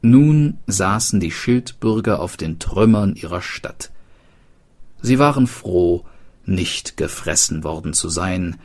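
Brief: male storyteller, low voice, very lively intonation, unhurried read-aloud pace. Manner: slow, expressive read-aloud narration.

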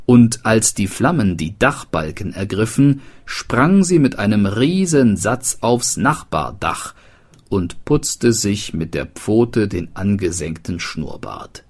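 A man reading a storybook aloud, with slow, expressive narration. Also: fairly low pitch, breathy edge.

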